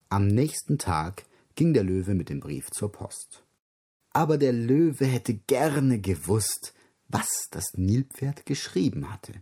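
A male storyteller reading a children's story aloud at a very slow, deliberate pace. His voice is gravelly and husky, and his pitch moves in a lively, expressive way. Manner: slow, expressive, with dramatic whispers.

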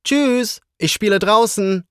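A man voicing a brave, eager little boy who plays a knight, calling out in a high, excited voice. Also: slow pace, slightly rough, no room sound, clean studio sound, full character voice.

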